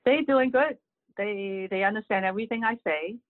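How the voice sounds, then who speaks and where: A woman's voice: medium pitch, moderate pace, no room sound. Woman, middle-aged, earnest, thin phone-like sound, dry. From Hong Kong. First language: Cantonese. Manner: earnest, many "you know" fillers. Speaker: guest, real estate agent. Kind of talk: casual interview answers. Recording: dry tinny phone-like line.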